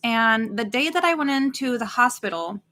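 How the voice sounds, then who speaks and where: This late-thirties woman, a co-host on a horror watch-party stream, speaks at a moderate pace in a highish, expressive voice that sounds pushed and bright. She chats in a loose, rambling way while reading viewer names aloud.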